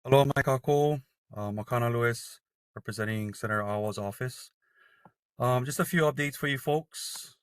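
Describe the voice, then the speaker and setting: A man's voice: mid-range voice, normal speed, clean tone, dry recording. A man speaking over a video call that breaks up, giving a staffer's updates to a community meeting with frequent fillers. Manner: reads updates with many fillers. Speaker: legislative office staffer.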